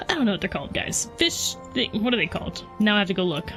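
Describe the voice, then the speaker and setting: A woman talks through her game in a loose, chatty way, often turning to her viewers and poking fun at her own mistakes. Her voice sits at a middling pitch. Soft game music plays faintly underneath. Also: sing-song, fairly quick. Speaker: let's play host. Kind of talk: casual gameplay commentary.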